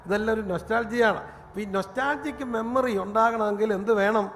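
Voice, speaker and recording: A high-pitched male pastor preaching a sermon in a reverberant hall, with faint noise behind him. He tells his stories in a loose, conversational way and then climbs into fervent, emphatic preaching. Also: normal speed, a bit bright.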